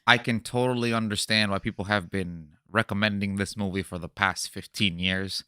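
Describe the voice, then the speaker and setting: A man's voice: fairly low pitch, fairly even intonation, normal speed, bright, forceful tone, clean tone. A man giving his thoughts on a casual podcast, rambling and hesitant as he searches for words. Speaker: podcast guest.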